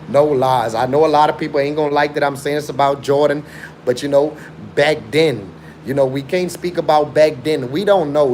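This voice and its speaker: This young livestream host, Chicago-born and South Africa-raised, speaks in a mid-range voice with slight background noise. On his casual stream he argues forcefully, leaning on slang and repetition.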